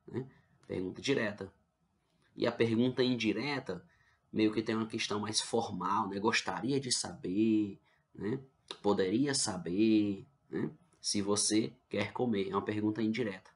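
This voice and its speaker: A man's voice: lowish voice, creaky. A male teacher with a Brazilian Portuguese accent, explaining grammar patiently in an online class and checking in often with the students.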